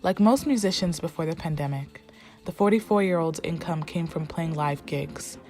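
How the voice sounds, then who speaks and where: A woman reporter reading a scripted news voice-over in a steady, even way. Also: low voice, moderate pace, faint music behind.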